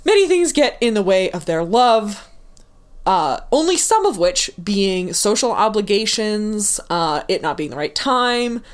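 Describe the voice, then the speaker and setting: A woman's voice: mid-range voice, very animated, unhurried. A woman co-hosting a podcast in casual chat, gushing and swearing, with many "like"s and "um"s and frequent laughs. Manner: laughing often, lots of "like" and "um"; gushing, profane. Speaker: podcast co-host.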